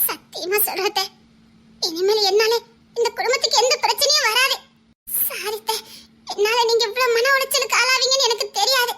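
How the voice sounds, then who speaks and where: A woman's voice: very high-pitched, a little fast, sharp tone. Woman playing a devoted young daughter-in-law. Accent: Tirunelveli Tamil. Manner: earnest, vowing. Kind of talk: family web-drama acting.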